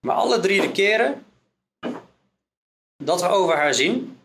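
A man with a Dutch accent preaches a sermon, reading Bible verses aloud and then explaining them one at a time. His high voice is expressive and fairly bright, with vocal fry and a measured pace.

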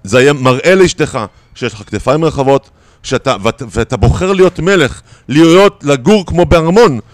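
A man's voice: on the high side, no echo. A man giving a short humorous Torah talk who acts out scenes and keeps checking in with his listeners. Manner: animated, acts out scenes, keeps asking "right?". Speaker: Torah teacher.

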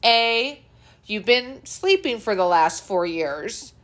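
A woman's voice: on the high side, expressive, takes it slowly, fairly bright tone. A woman hosting a podcast, chatting casually about pop culture, laughing easily and swearing freely. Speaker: podcast host.

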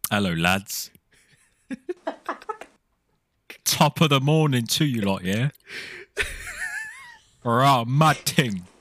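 A man's voice: lowish voice, normal speed, hardly any pauses, a bit bright, slight background noise, pitched below the performer's own voice, lightly acted. A man voicing a brash young male Liverpool lad in an exaggerated put-on Scouse accent, full of street slang. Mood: cocky banter.

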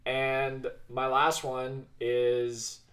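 Male podcast guest, unhurried, animated, casual chat. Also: medium pitch.

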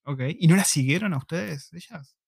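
A man, chatting casually and teasing his co-host with quick questions. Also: fairly high pitch, vocal fry, slightly rough, dry recording, studio quality. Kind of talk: casual chat.

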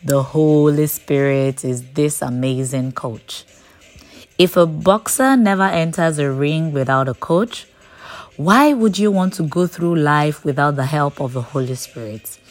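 A woman hosting a short devotional message, speaking in a deliberate, emphatic preaching manner. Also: deep voice, animated. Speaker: devotional host.

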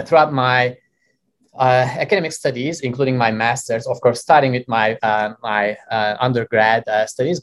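A man from Turkey whose first language is Turkish, a guest answering interview questions in a measured way with many "uh" fillers. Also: medium pitch. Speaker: guest, company co-founder.

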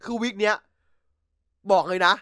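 A man hosting a casual podcast from home over a voice chat call, recapping episodes in an excitable, slangy way and swearing freely. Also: moderate pace, dry recording, studio quality. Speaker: podcast host. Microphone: computer mic over voice chat.

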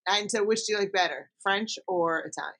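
A woman's voice: medium pitch, a little fast, fairly bright tone, rough recording. A middle-aged woman co-hosting a casual family chat, laughing often. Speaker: podcast co-host.

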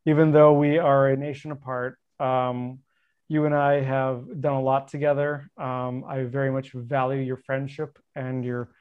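A middle-aged man hosting a podcast in natural, unscripted casual talk, friendly and quick to poke fun at himself. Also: mid-range voice, level tone, clear, resonant tone. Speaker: podcast host interviewing a friend. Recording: dull lo-fi sound.

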